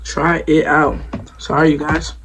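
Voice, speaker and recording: A man casually reviewing fast food for his vlog, easygoing and repetitive, with frequent ums. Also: a little high, little pitch movement, noisy background. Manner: easygoing, repeats himself, lots of ums and "me personally".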